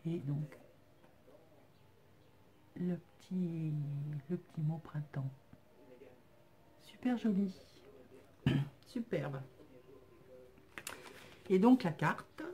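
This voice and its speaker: A woman crafting vlogger talks through her mail in an unhurried, easygoing way. Her voice is low-pitched and mellow, and her speech is full of little hesitations and thank-yous. The pace is slow throughout. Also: animated. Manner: chatty, thankful, many hesitations. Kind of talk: casual chat unboxing craft mail.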